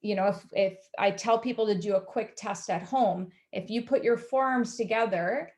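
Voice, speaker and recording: A woman's voice: medium pitch, normal speed, a little mellow. A woman in her thirties speaks on a video call with a mid-range voice. She is a physiotherapist on a casual panel, talking straight and peppering her speech with "like" and "you know.". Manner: frank, filler-heavy, many "like" and "you know".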